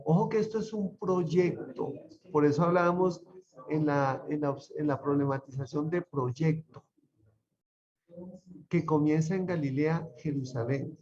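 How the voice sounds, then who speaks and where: A man with a mellow, slightly high voice teaches an online Bible class. He talks conversationally and keeps checking in with his students through questions. The audio is muffled. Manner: conversational, asks the class frequent rhetorical questions.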